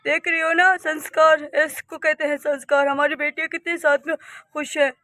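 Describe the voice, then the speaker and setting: A woman's voice: high voice, little pitch movement, normal speed, pushed and bright, dry recording, clean studio sound. A woman voicing a kind, doting middle-aged village father in a cartoon, speaking in a soothing, affectionate way. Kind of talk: cartoon voice acting.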